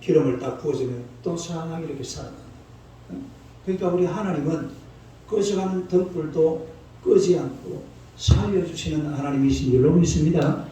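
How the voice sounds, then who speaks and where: Mellow and fairly high in pitch, an older man in his sixties preaches at normal speed during a dawn service in the church sanctuary. He chides in a folksy manner and prompts call-and-response, while the far-off mic picks up echo and faint noise.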